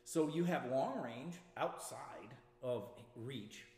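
A man's voice: mid-range voice, lively intonation, slow pace, a little mellow. A man, a martial arts instructor, explaining his art confidently in a casual interview and laughing easily. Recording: echoey room with long reverb.

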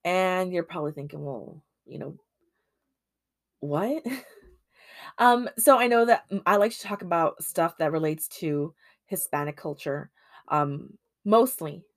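Woman podcast host, casual rambling chat, lowish voice, dry close sound. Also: dry recording. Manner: rambling, many ums and restarts. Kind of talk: casual solo podcast talk.

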